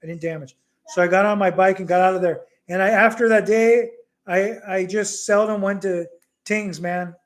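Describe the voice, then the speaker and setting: A middle-aged man with a notably high voice hosts a relaxed livestream from home. He tells a story with lively energy and slips Bisaya words into his English. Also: moderate pace. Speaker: livestream host. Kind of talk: casual live Q&A chat and storytelling.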